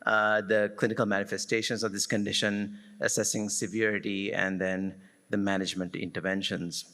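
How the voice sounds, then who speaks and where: A man with a lowish, bright, forceful voice gives a medical lecture to a conference audience. He speaks in a measured, explanatory way with frequent "uh" fillers. The hall adds a long reverb to his voice. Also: little pitch movement. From Sri Lanka.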